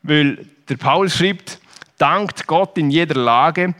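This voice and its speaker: A man giving a children's sermon. He tells stories lively and keeps asking his listeners questions. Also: a little high, takes it slowly. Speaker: preacher.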